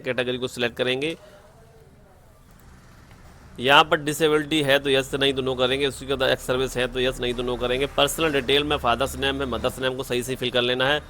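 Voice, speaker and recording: An online tutorial presenter with a bright, pushed, mid-range male voice talks through a screen tutorial step by step. His teaching style blends English terms into Hindi, and he keeps checking in with an "okay."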